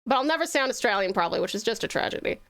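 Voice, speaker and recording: A woman hosts a casual livestream as a virtual streamer, chatting sweetly and effusively with viewers and using lots of endearments. Her voice is a little high and fairly bright, with lively intonation, and she races along.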